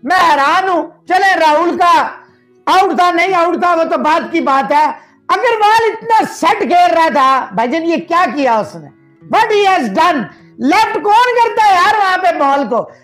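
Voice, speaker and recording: A man's voice: very high-pitched, lively intonation, a little slow, a bit bright, faint music behind, poor audio. A man from Pakistan, giving emphatic cricket analysis over a video call and mixing in English phrases. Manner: emphatic, mixes English phrases, repeats words for stress. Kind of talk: cricket debate commentary.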